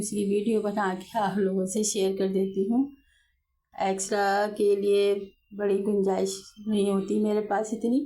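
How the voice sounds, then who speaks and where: A woman's voice: mid-range voice, mellow. A woman with an Urdu-speaking Pakistani accent, hosting a home cooking video from her kitchen, talking in a homely, chatty way and often correcting herself mid-sentence. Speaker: home cooking channel host. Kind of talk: chatty step-by-step cooking demo.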